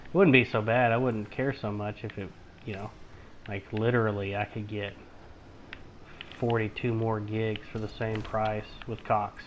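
A man's voice: on the low side, flat delivery, unhurried, a little hiss or hum, rough recording. A man chatting casually with others while he plays a video game. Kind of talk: casual chat while gaming.

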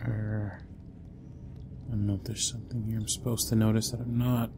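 A young adult man commentating a horror game, dropping to whispers and breaking into loud panicked yelps. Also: lowish voice, flat delivery, moderate pace, noisy background. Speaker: gamer. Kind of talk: let's play commentary.

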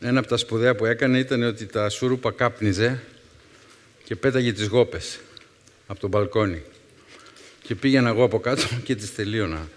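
A man in his fifties, a teacher, telling wry personal stories with thoughtful pauses to a young audience. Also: on the low side. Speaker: secondary school philology teacher and speaker. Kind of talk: storytelling talk to a young audience. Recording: reverberant hall.

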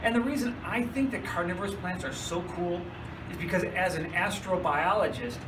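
A man's voice: high-pitched, moderate pace, noisy background. Older man, echoey and distant. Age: over 60. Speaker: scientist. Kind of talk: explanation to camera. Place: among plants in a greenhouse.

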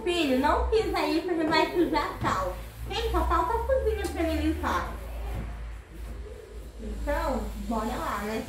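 This home cleaning vlogger, a Brazilian woman in her thirties, talks casually to her viewers as she cleans the kitchen, chatty and addressing them often despite sounding tired. Her high voice is sing-song and unhurried. A camera far off across the echoey indoor kitchen picks her up along with background noise.

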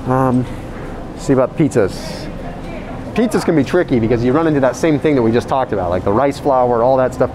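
A man's voice: medium pitch, fairly quick, background noise. Man talking through a face mask. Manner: chatty, reads labels aloud. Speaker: food review vlogger. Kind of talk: casual product review. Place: grocery store aisle.

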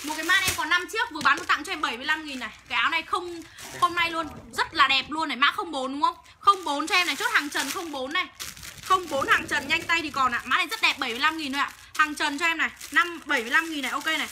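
A woman's voice: sits high, background noise. A young woman, selling clothes on a livestream, rattling off buyers' names between profane, angry rants. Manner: rapid sales patter calling out buyers' names. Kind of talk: livestream selling, ranting at viewers.

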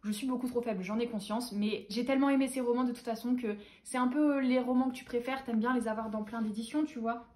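Young woman, bubbly and gushing, rapid-fire delivery, slightly high voice, casual book vlog. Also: a little mellow. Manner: bubbly, gushing fan enthusiasm. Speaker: booktuber host. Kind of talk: casual chat to camera.

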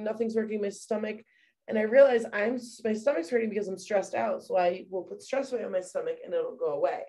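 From her bathroom at home, a young adult or middle-aged mom casually presents essential oil products, chatting away with plenty of fillers and addressing "you guys." Her voice is mid-range and a little mellow.

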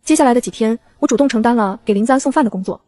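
A woman narrating a web novel audiobook in a brisk, even storytelling voice. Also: on the high side.

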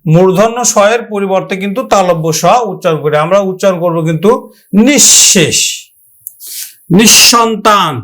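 A Bangladeshi man teaches a spoken lesson in a high-pitched voice, moving slowly and deliberately. He repeats example words and draws them out.

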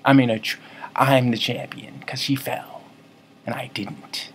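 Male comic vlogger, deadpan rambling storyteller, medium pitch, faint room hiss. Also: unhurried. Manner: rambling, self-correcting, mock-serious. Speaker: comedy vlogger.

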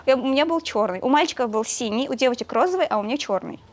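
A young Russian woman, a doctor on as a guest, tells stories in a relaxed, chatty manner and laughs often during a casual interview. Her voice sits high and she talks very fast, recorded on a lapel mic in a small studio lit with neon.

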